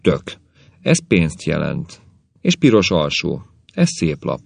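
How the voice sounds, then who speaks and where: A sly old fortune-teller woman who speaks with slow solemn dignity, as a man voices her in a storybook reading. The voice stays deep and gravelly. It sounds close and dry. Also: huge pitch swings, dry recording, exaggerated voice.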